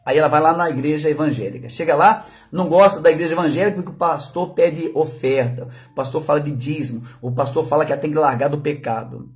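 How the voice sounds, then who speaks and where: High-voiced Brazilian pastor preaching emphatically. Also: male voice, quick pace, few pauses. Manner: emphatic, swings between loud declarations and soft asides. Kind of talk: sermon. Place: church. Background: faint music.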